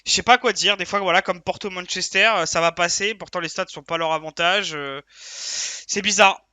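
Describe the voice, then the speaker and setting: A man with a high voice and a very bright, piercing edge talks through a casual video debrief of his betting tips. He rambles and hesitates, stacking fillers and second-guessing himself in a frustrated tone. The sound is dry and close, with no room around it. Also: moderate pace, no echo. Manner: frustrated and self-questioning. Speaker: sports betting tipster.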